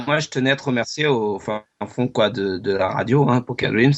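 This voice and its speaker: A man hosting a casual web radio chat, talking in halting phrases with many fillers and restarts. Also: medium pitch. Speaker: radio show host.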